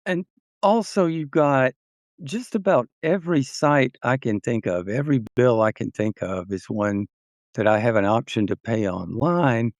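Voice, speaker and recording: A man's voice: mid-range voice, unhurried, no room sound. A man, a teacher of independent living skills, talking as a guest in an easygoing, self-deprecating way. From Austin area. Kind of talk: casual chat.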